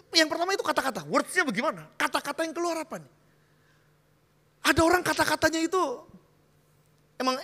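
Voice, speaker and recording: A man preaching a sermon in a lively way, full of wordplay and acted-out examples, recorded in an echoey church hall. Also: very high-pitched.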